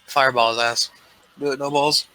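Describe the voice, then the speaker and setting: A man's voice: medium pitch, fairly even intonation, brisk, sharp tone, low-quality recording. A man playing a tabletop game, chatting casually with cocky jokes and swearing.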